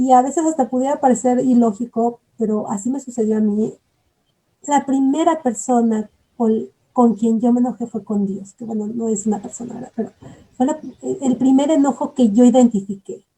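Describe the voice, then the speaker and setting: A woman's voice: fairly high pitch, dark tone, rough recording. A woman giving an earnest, reflective personal testimony, often repeating herself as she searches for words. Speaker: bereaved mother giving testimony.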